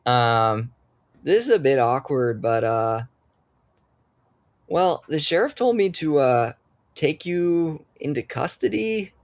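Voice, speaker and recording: A man's voice: on the high side, animated, slow pace, pauses often. A man voicing a hesitant, unsure male deputy who stumbles over his words in a tabletop game. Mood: sheepish. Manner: hesitant, full of ums and uhs.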